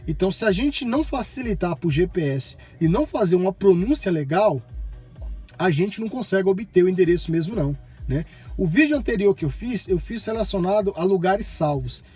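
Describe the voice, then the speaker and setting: A man's voice: high voice, lively intonation, brisk, a little mellow, breathy edge, faint music behind. A man from Bahia with a Brazilian accent, giving a casual, colloquial tutorial and often checking in with viewers. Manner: colloquial, repeats himself, addresses viewers with check-in tags. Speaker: tutorial presenter.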